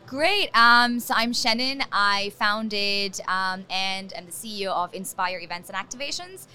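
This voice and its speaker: A woman's voice: mid-range voice, a little slow, pushed and bright, slight background noise. A woman in her thirties from Dubai, a company founder, talking about her career in an upbeat, enthusiastic way as a podcast guest. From Dubai, UAE. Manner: upbeat, enthusiastic, laughs easily. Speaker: agency founder and CEO, guest. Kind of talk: casual interview chat.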